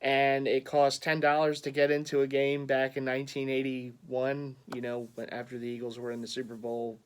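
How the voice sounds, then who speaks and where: A man's voice: medium pitch, little pitch movement, normal speed, clear, resonant tone. A man, rambling through a casual sports vlog full of stammered restarts and chuckles. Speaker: sports fan vlogger.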